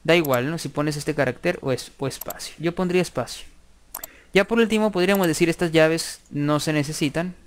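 A man giving a screen-recorded programming tutorial, thinking aloud and dictating code slowly as he types. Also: a little high.

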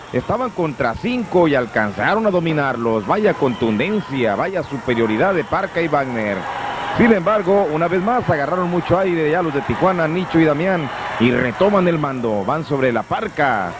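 A man with a Mexican accent gives exclamatory, colloquial play-by-play as a lucha libre wrestling commentator. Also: a little high. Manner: exclamatory, colloquial, repeats phrases. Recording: noisy old VHS broadcast of arena event. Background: noisy wrestling arena.

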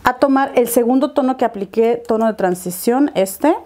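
A woman's voice: on the high side, normal speed, warm tone. A young woman talks viewers through her makeup step by step, chatting as she works. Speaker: beauty vlogger. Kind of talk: makeup tutorial chat.

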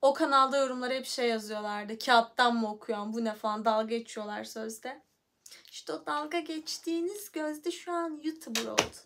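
Bright, high-voiced playful young woman. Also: steady tone, normal speed, a little hiss or hum. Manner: playful, chatty, hums and sings nonsense syllables. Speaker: livestream host chatting with viewers. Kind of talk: casual livestream chat.

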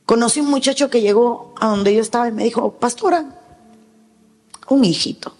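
A middle-aged woman pastor preaching a sermon emphatically, breaking into sudden high shouts and acted quotes. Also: fast, big-room sound.

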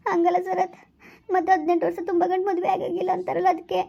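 A woman's voice: very high voice, completely flat delivery, quick pace, vocal fry. A woman playing an anxious teenage girl who has run away with her lover, pleading and fretful. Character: teenage girl Navya, tearful, anxious runaway. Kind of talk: village skit acting. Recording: dull lo-fi recording.

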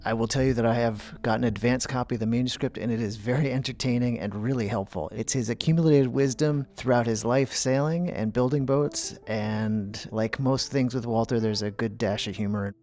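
A man's voice: mid-range voice, a little fast, few pauses. A man narrating as the host of a show, in a scripted, conversational delivery. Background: soft guitar music.

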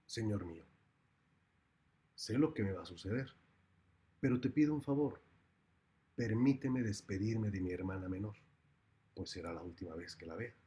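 A man voicing a calm, clever young woman, soft-spoken and resolute. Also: fairly low pitch, moderate pace, pauses often, husky. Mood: pleading.

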